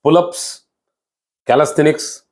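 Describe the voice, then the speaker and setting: A man's voice: fairly high pitch, fairly even intonation, slow pace, darkish tone. Middle-aged guy w south indian accent teaching an online class, explains step by step, repeats himself a lot. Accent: South Indian English. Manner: explanatory, repeats words and restarts, frequent "you know". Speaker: astrology teacher.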